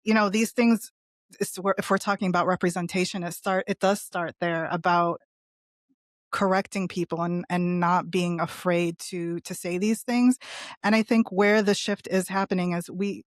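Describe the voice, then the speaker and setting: A woman's voice: lowish voice, steady tone, normal speed, no room sound, clean studio sound. A woman speaking in a casual podcast discussion, earnest, with many restarts and fillers. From Palestinian family. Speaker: podcast guest panelist.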